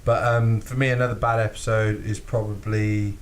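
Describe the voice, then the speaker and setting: A British man co-hosts a casual podcast in a lowish voice at a moderate pace, swearing freely, laughing a lot and acting out quotes with animated energy. There's slight background noise.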